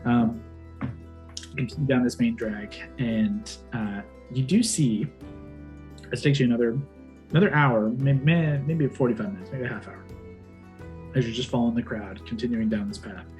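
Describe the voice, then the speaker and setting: A man improvising descriptive narration as game master of a tabletop fantasy game, in a halting way. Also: medium pitch, darkish tone. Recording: music behind the voice. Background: background music with guitar.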